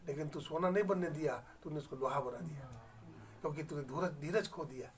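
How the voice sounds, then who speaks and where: Hindi-speaking swami telling a parable. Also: male voice, a little high, fairly quick, recorded from a distance. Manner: storytelling, acts out dialogue, asks the audience questions, builds to emphatic lines. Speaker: swami giving a spiritual discourse. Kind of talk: Hindi satsang sermon with storytelling.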